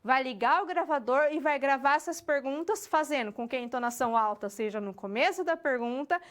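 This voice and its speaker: Woman teacher, high voice, talks right to you, slows way down for english examples. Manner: slow, stretched model phrases when demonstrating English questions; talks directly to the student, checks in with tags. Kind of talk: recorded online lesson.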